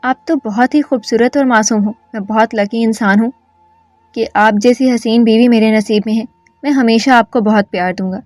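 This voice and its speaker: A woman's voice: fairly high pitch, darkish tone, dry recording, faint music behind, lightly acted. A woman voicing a tender young husband. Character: kind young husband, shy and adoring.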